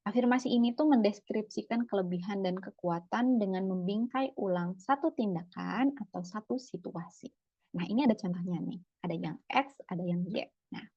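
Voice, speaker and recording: A woman's voice: mid-range voice, no echo. A woman clinical psychologist giving a casual talk, chatty, often tagging phrases with "gitu ya" and acting out short examples. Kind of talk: casual lecture with acted examples. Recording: dull lo-fi sound, dry.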